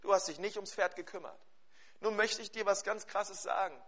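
A man preaching a sermon and leading a prayer, speaking emphatically, repeating key phrases and addressing his listeners directly, swinging between loud stress and hushed passages. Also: high voice, normal speed.

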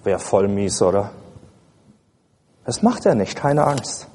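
A man's voice: lowish voice, big pitch swings, takes it slowly, warm tone. A man preaching a sermon at a church service in a colloquial, casual way, speaking directly to his listeners. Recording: long hall reverb.

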